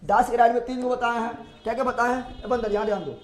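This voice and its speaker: Guy teaching a class, really high voice for a man, fires the same question again and again, jokes at the kids. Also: flat delivery, echoey room. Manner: repeats questions rapidly, teasing and joking with students. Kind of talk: classroom lecture with call-and-response drilling. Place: classroom with students, streamed live online.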